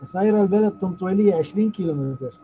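A man's voice: sits high, racing, mellow. A man calls in with a question and repeats his point patiently. His voice comes through faint and unclear, as if the phone is held away from him. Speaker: caller. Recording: muffled phone line with faint background noise.

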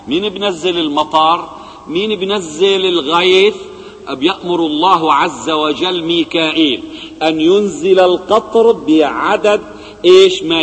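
Man preaching in echoing hall. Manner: rhetorical questions, swings between loud emphasis and low quiet asides. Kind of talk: religious lesson. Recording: long hall reverb.

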